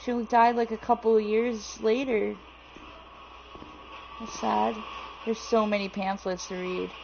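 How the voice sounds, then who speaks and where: A woman's voice: a little high, flat delivery, unhurried, gravelly, highs cut off, noisy background. Jittery, foul-mouthed woman gaming. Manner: jittery, swears freely, reads aloud. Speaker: let's play gamer. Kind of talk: casual horror game commentary.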